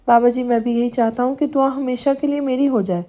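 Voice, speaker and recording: A man's voice: very high voice, fairly even intonation, dark tone. A woman voicing an obsessed young man who threatens anyone who keeps his beloved away. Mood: fierce. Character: obsessed young man seeking a spell, fierce.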